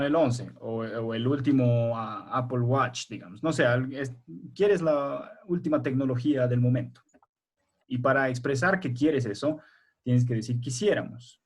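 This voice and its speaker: A man's voice: medium pitch, slightly rough. A male primary school teacher leading a remote class over a video call, explaining patiently step by step and quizzing his pupils.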